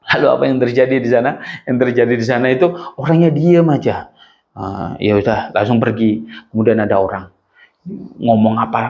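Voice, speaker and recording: A man giving a lively religious lecture, telling stories and acting out angry voices. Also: medium pitch, vocal fry, dull audio. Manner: animated storytelling, acts out angry voices. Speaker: preacher.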